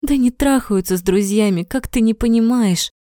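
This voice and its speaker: A woman's voice: on the high side, moderate pace, warm tone, no echo, studio quality, pitched above the performer's own voice, lightly acted. A woman voicing an emotional, outspoken young woman who swears when upset in a storybook reading. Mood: angry.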